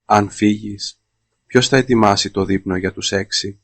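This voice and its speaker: A man reading as a shrill, bossy mother-in-law. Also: steady tone, dry recording, natural voice. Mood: scolding.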